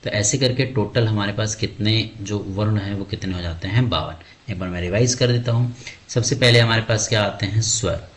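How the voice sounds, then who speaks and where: A man teaches an exam-prep grammar lesson in a rather low voice. He keeps asking rhetorical questions and answering them himself, with a friendly "bhai" thrown in. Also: moderate pace. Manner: addresses students as "bhai".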